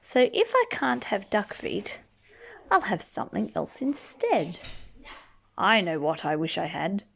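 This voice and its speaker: A woman reads a storybook aloud in a playful, animated way, her pitch jumping around a lot. She goes slowly, with a bit of creak, and stretches out words for young listeners. She adds little asides and draws out her emphasis.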